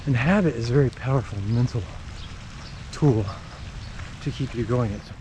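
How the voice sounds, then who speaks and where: A man's voice: medium pitch, a little fast, noisy background. A man vlogging while jogging outside in the rain, explaining things casually in short, broken phrases. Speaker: running vlogger. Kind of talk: casual explanatory vlog talk while running. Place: outdoors on a run in the rain.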